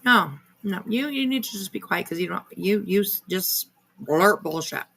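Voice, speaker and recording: Expressive and moderately paced, this woman's mid-range voice is gravelly yet a touch bright. Hosting a livestream, she reacts to another creator's video with casual, rambling remarks that carry a sardonic, confrontational edge.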